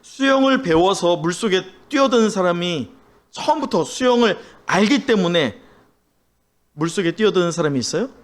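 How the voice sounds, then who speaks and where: Male pastor, sermon; high, very expressive voice, quizzes the congregation and has them repeat phrases. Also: moderate pace. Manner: animated storytelling delivery.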